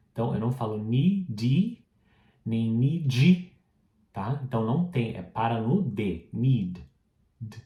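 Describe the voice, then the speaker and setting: A man's voice: medium pitch, mellow. A man with a Brazilian Portuguese accent teaching English pronunciation, patiently modeling words and asking the listener to repeat after him. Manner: frequent checking tag questions. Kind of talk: online pronunciation lesson. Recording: roomy echo.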